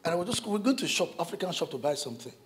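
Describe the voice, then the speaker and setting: A man, a pastor preaching a sermon in church, animated, breaking into shouts and chuckles. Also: on the high side, very fast.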